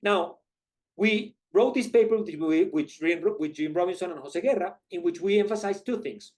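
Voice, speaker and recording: A man's voice: high-pitched, moderate pace, a little mellow. Man giving a methodical lecture. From Colombia. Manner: methodical, poses questions then answers them. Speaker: guest lecturer, economist. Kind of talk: university lecture.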